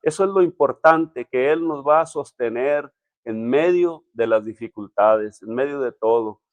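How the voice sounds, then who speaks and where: A man, a pastor, telling his personal testimony in a halting, emotional way with many restarts. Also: mid-range voice, no room sound, dull audio. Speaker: pastor, interview guest.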